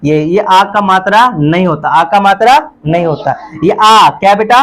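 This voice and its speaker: A man teaching a live Hindi alphabet class, leading pupils in call-and-repeat and chanting the letters loudly while coaxing them along. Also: sits high, normal speed, slight background noise. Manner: coaxing, calls pupils beta and bhaiya. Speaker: tutor.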